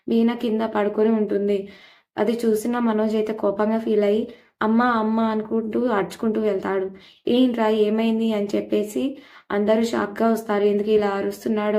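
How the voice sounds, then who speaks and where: A woman's voice: medium pitch, creaky, mellow. A woman retelling a TV serial episode in a plain storytelling way, with many filler phrases. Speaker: serial recap narrator.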